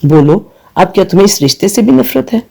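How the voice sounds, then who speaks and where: A man voicing a mocking conscience that speaks from a mirror, slow and taunting. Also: high-pitched, expressive, creaky, darkish tone, heavily acted.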